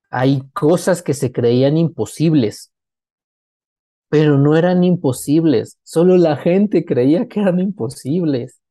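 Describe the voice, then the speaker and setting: Animated consultant, mellow dry voice. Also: male voice, medium pitch, dry recording. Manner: animated storyteller, acts out quoted dialogue. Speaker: business consultant, podcast guest. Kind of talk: casual podcast conversation.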